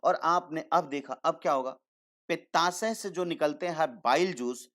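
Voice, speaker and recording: A man's voice: on the high side, a bit bright. A man delivers a science lesson in a slightly raised voice. He poses questions, answers them himself and repeats each key term as he goes. He keeps addressing the students affectionately as "beta". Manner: explains slowly, repeats terms, asks questions then answers them. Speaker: teacher.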